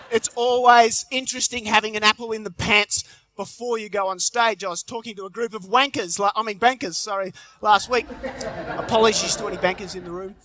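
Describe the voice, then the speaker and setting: A man's voice: sits high, sharp tone. A middle-aged Australian man giving a live motivational health talk at a conference, telling jokes and stories with punchy timing. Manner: jokey storytelling, punchy delivery. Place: large convention hall stage.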